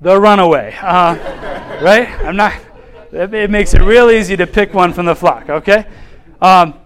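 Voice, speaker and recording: High-pitched guy teaching bible study, animated, does little voices. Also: a little slow. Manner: animated, acts out voices, laughs often.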